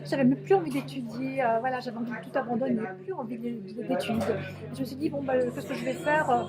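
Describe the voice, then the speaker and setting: High-voiced woman interpreting in a café. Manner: halting, searching for words as she interprets. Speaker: sign language interpreter. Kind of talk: first-person voicing of a signed interview. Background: loud music.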